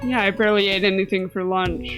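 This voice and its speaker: A woman voicing a tired young woman who speaks in a flat, matter-of-fact way. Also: medium pitch, fast, over music, natural voice.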